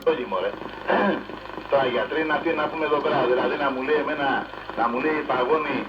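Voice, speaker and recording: Man rattling off chat over a CB radio, super fast, drowned in loud static. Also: mid-range voice, echoey room. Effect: heard over CB radio. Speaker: CB radio operator. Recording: distant, muffled CB signal buried in loud static.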